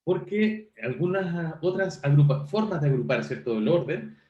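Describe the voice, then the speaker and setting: A man's voice: on the high side, very animated, normal speed. A male teacher giving an online class, asking his students questions and checking their understanding as he goes. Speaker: university teacher. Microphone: video call. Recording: roomy, dull lo-fi call audio.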